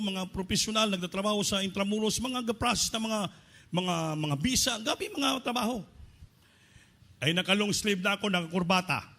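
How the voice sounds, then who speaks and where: A Filipino-accented male preacher with a high, bright voice, telling his own story from the pulpit. He shifts into other people's voices as he goes, with an animated, storytelling delivery. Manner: animated storytelling with acted quotes. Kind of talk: sermon testimony.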